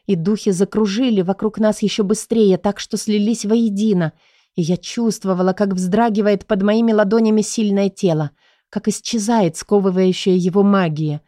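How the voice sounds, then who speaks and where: A woman narrating a first-person audiobook in an even, measured storytelling manner. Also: medium pitch, no echo, studio quality.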